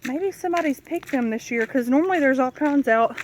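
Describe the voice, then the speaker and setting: A woman's voice: high voice, lively intonation, a little fast. A woman chatting casually and candidly in a rambling, folksy way while recording a walking vlog on a country dirt road. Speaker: vlogger. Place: outdoors on a rural dirt road. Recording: noisy outdoor country recording. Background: clear outdoor noise.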